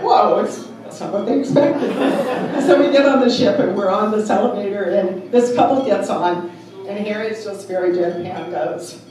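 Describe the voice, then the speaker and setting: A woman's voice: medium pitch, dark tone, a little hiss or hum. A woman telling anecdotes and a joke as a family member at a memorial gathering. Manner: chatty storyteller, joke-telling. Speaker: family member giving a tribute. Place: memorial gathering in a large room. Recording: very echoey hall, mic far off.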